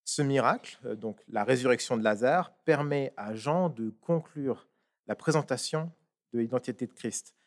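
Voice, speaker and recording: Guy preaching a sermon, reads scripture slow then explains it, emphatic, some restarts. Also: medium pitch.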